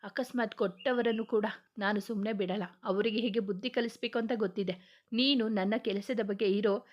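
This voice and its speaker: A woman's voice: medium pitch, steady tone, normal speed, muffled recording, natural voice. A woman reading the lines of a short-tempered young male police officer, speaking firmly and scolding. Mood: stern. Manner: firm, scolding, forceful delivery.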